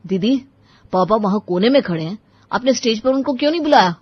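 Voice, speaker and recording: A woman's voice: on the low side, fairly quick, breathy edge, no room sound, dull audio. Woman doing an indignant young husband. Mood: angry. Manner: indignant, raises voice. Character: hot-tempered young married man, protective son.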